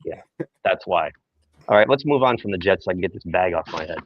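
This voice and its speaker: Man with a bag over his head, very deep voice, dull muffled sound, rambling, tired. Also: animated, quick pace. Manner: rambling, many fillers and restarts. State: tired, early morning. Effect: talking with a bag over his head. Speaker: podcast co-host. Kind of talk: casual sports chat. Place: hotel room.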